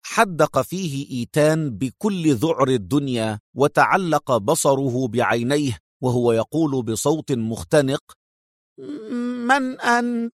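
A man narrating a spy thriller as an audiobook in an even, dramatic storytelling manner. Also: mid-range voice, a little slow, no echo, clean studio sound.

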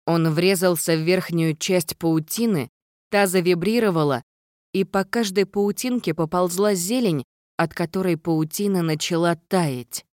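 A woman narrating a first-person fantasy audiobook in a steady, measured way. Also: lowish voice, dry recording, studio quality. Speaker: audiobook reader.

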